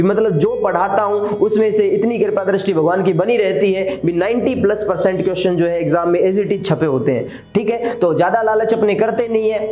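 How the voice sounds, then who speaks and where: Male coaching teacher, high voice, echoey room, chatty rhetorical style. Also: a little mellow. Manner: chatty, asks rhetorical questions, mimics students. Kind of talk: exam-prep lecture.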